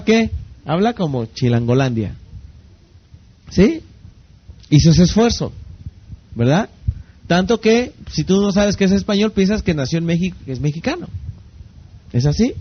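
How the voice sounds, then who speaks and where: A man giving a leadership lecture to an audience. He keeps checking in with quick rhetorical questions. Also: a little high, slightly rough, muffled recording. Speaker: leadership speaker.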